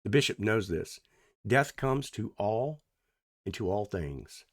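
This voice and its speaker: A man giving a casual, playful tarot reading to camera, chatty and rambling, swinging between loud and soft. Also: on the low side, expressive, slow. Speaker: tarot reader.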